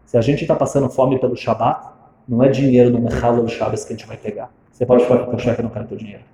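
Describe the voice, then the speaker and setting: A man's voice: mid-range voice, little pitch movement, racing, mellow, lightly acted. A man voicing a stern, devout young wife who firmly and indignantly refuses money, in an echoey room. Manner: firm and indignant.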